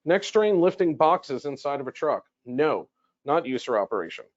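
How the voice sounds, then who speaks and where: The audio is dull, and the man's voice sits on the high side with big swings in pitch at a normal pace. Working from notes, he leads a legal webinar, asking questions aloud and answering them in a relaxed, explanatory manner.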